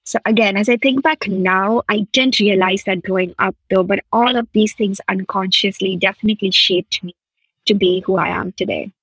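Her medium-pitched voice is a bit bright and slightly rough, delivered at normal speed on a low-quality recording with no room sound. She's from India, raised in Qatar, and as a podcast guest in a reflective interview she discusses her past earnestly and enthusiastically in long flowing sentences.

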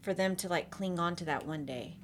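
A woman's voice: lowish voice, a little fast, a little hiss or hum. Chatty, sarcastic woman podcast guest. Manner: sarcastic, chatty, self-deprecating. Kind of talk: casual podcast chat.

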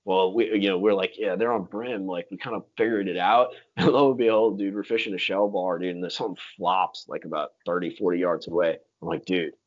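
A man's voice: low voice, fairly even intonation, fairly quick, hardly any pauses. A man telling stories in casual chat, with slangy talk full of dude, like and freaking. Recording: dull lo-fi sound.

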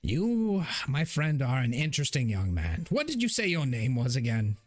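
A man voicing a hearty, generous old nobleman with a big booming laugh in a tabletop game. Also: wildly swooping pitch, normal speed, soft background music. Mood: jovial.

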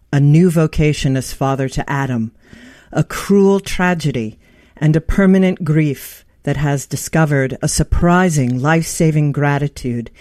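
A woman's voice: sits low, darkish tone, dry recording, clean studio sound. Earnest woman hosting an interview. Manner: earnest, heartfelt, with small restarts. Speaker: podcast host. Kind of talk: interview show.

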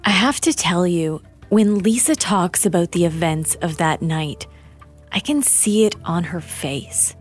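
Slow, measured woman narrator. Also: on the low side, slightly rough, faint music behind. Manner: measured, deliberate. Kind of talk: scripted documentary narration.

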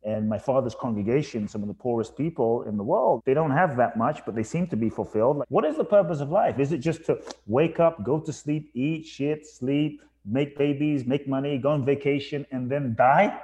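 A man from Ghana speaks as a podcast guest. His voice sounds warm and mellow, and he talks earnestly and reflectively, sometimes restarting a phrase. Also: medium pitch, normal speed, few pauses. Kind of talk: casual storytelling interview.

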